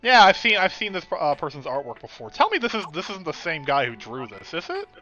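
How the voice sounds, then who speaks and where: Lisping young man, lively and bright. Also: on the high side, fairly quick, lo-fi sound. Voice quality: lisp. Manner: crude, sarcastic banter with frequent swearing. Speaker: let's play co-host. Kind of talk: casual gaming chat.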